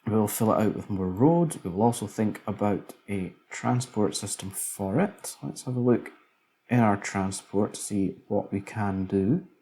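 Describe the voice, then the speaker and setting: A man's voice: fairly low pitch, animated, a little slow, dark tone. A man casually commentating a city-building game, musing aloud as he builds, tired late at night. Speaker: let's play commentator.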